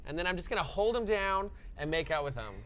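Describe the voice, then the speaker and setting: A man, a stand-up comedian, chatting casually in an interview, playful and quick to joke. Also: high-pitched, expressive, a bit bright, slight background noise.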